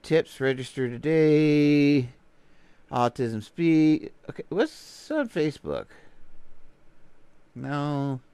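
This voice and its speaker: A man's voice: fairly high pitch, very animated, extremely slow, long pauses, mellow, clean tone, no room sound. A man with a Texan accent hosting a casual livestream, rambling playfully and greeting viewers while he browses. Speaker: livestream host.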